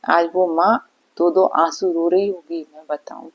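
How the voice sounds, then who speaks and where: A woman's voice: lowish voice, steady tone, a little slow, breathy edge, lo-fi sound. A woman vlogger giving a reaction commentary, scolding and indignant, firing off rhetorical questions. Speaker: vlogger reacting to online drama.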